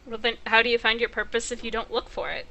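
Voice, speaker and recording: A woman's voice: fairly high pitch, flat delivery, quick pace, gravelly, bright, forceful tone, lo-fi sound. A woman doing casual, playful let's play commentary, chatting away and reading dialogue choices aloud. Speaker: let's player.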